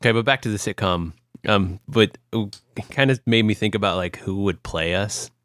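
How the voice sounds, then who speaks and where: A man's voice: on the low side, normal speed, fairly bright tone. A young man from Ohio co-hosting a podcast, telling stories in a casual, rambling way with lots of fillers and restarts. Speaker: podcast co-host. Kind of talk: casual chat.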